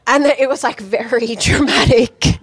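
A young woman telling a story in casual podcast chat, full of "like" and quick laughs. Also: a little high, slightly rough, no room sound. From Australia. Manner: chatty storyteller, many likes and laughs. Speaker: guest.

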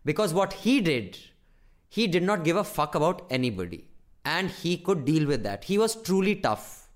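A man's voice: on the high side, very animated, moderate pace. A man with a North Indian accent chatting casually and emphatically as a podcast co-host, swearing freely. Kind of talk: casual opinionated chat.

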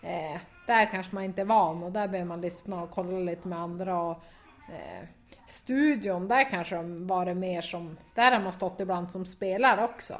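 Young woman, broad Västerbotten Swedish dialect, interview guest; halting, filler-heavy, quick to laugh. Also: on the low side. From Skellefteå area, northern Sweden. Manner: hesitant, many fillers, laughs often. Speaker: football pundit, former player. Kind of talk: casual interview answers.

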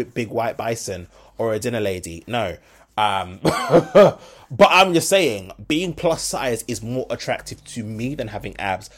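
A Brummie man from Birmingham, England, hosts a podcast of casual, opinionated chat, sounding lively and animated. His pitch jumps all over, often sinking to a mutter before climbing loud again, and he's blunt and swears freely.

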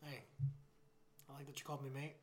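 A man's voice: medium pitch, little pitch movement, quick pace, fairly bright tone, slight background noise. A man co-hosting a podcast, teasing his friends with crude, slangy banter. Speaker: podcast co-host. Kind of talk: casual chat.

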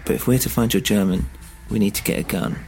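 A man's voice: on the low side, fast, darkish tone, soft background music, natural voice. A man voicing a stern, guarded woman with a thick Polish accent who speaks in terse, grave warnings.

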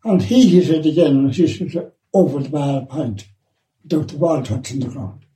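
Older man with a Kilkenny accent, dark voice, distant roomy recording. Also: a little high, normal speed. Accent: Irish, Kilkenny. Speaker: interviewee. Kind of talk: reminiscing oral history interview. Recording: echoey room, distant mic.

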